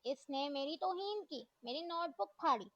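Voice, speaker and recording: A woman voicing a stubborn, proud college girl who snaps back with sharp, haughty retorts. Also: high-pitched, animated, moderate pace, dry recording, voice pushed up. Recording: dull dry lo-fi recording.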